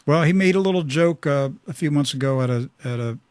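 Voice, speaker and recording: A man's voice: on the high side, fairly quick, a little mellow, no room sound. A man hosting a radio talk show, fervent and emphatic, speaking into a studio microphone.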